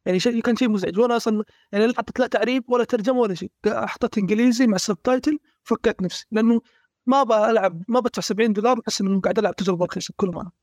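A man's voice: sits high, rapid-fire, a little mellow, no room sound, clean studio sound. A man in a casual gaming discussion, blunt and emphatic as he complains.

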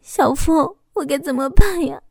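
A woman's voice: sits high, a little slow, vocal fry, a little mellow, dry recording, pitched above the performer's own voice. A woman playing a sobbing, guilt-torn wife. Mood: tearful pleading. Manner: sobbing, stammering pleas. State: crying.

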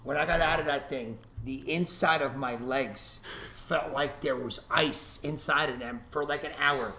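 A man's voice: a little high, unhurried, sharp tone. A man in casual chat, blunt and slangy, swearing a lot. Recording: roomy room with faint noise.

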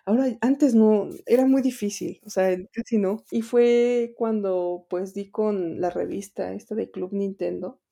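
This middle-aged Mexican interpreter and translator, appearing as an interview guest, speaks with a Mexican Spanish accent. Her medium-pitched voice is gravelly and dark, steady in tone and measured in pace with few pauses, though her answers ramble with many fillers and restarts.

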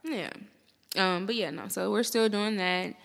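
A woman, hosting a podcast in animated, slangy, profane banter. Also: mid-range voice, vocal fry, big-room sound. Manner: animated, slangy, quick to laugh. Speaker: podcast host.

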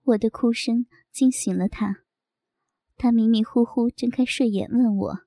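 Soft-spoken woman narrating a story. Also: fairly high pitch, steady tone, a little slow, dry recording. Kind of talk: first-person audio story reading.

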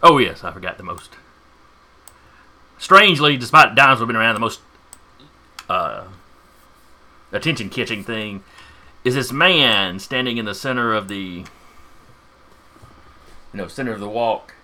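A man narrating a tabletop game as game master, informal and halting as he improvises. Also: on the low side, lively intonation, bright, forceful tone.

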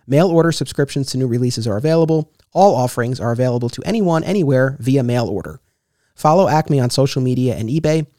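A podcast host reads sponsor spots and then moves into a casual interview, listening attentively and staying friendly. His mid-range voice has a darkish tone and comes across as a clear presenter's, recorded dry with clean studio sound.

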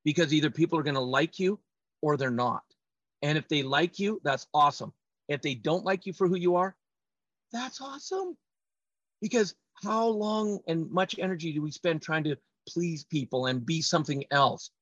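A man's voice: fairly high pitch, animated, normal speed, a bit bright, dry recording, muffled recording. A man speaking as an interview guest, telling personal stories conversationally and emphatically. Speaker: podcast guest, trainer and speaker.

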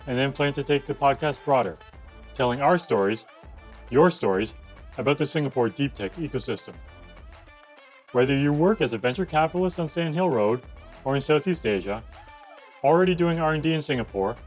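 A man hosting a podcast, reading a scripted intro and asking interview questions in a measured, upbeat way. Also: medium pitch. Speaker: podcast host.

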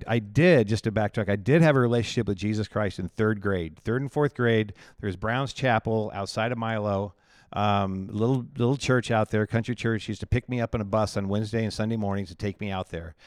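A man's voice: lowish voice, fairly quick, no room sound, studio quality. A male pastor telling his life story in an interview, candid and chatty, often laughing at himself.

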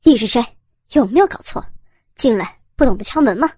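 Woman doing a bossy male chairman, indignant and loud, a bit lower than her narrating voice. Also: moderate pace, husky, no echo, studio quality, lightly acted. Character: angry rich male company chairman.

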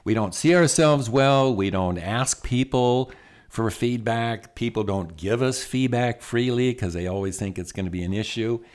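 Lively storytelling middle-aged man. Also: mid-range voice, normal speed. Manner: animated, many restarts and asides. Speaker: executive coach. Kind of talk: conversational storytelling.

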